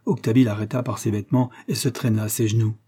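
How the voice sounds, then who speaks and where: Man reading an old novella aloud, dark husky voice, steady pace. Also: lowish voice, quick pace. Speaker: audiobook reader. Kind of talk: scripted narration of a classic novella.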